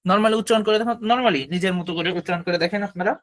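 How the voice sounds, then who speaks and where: A man leads a classroom lesson on Chinese tones. His voice sits a little high for a man, and he explains patiently, saying syllables aloud for the students to copy. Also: rapid-fire. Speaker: Chinese language teacher.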